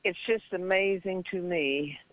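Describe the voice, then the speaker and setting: A man's voice: high-pitched, a little slow, fairly bright tone, no room sound, poor audio. A man calling in to a talk radio show, eager and agreeable. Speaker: caller.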